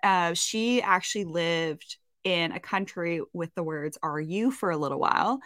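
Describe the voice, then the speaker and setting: A woman's voice: lowish voice, measured pace, fairly bright tone. A woman with a Canadian accent co-hosting a podcast in a chatty, self-mocking way, full of rambling asides. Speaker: podcast co-host. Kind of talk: casual podcast chat.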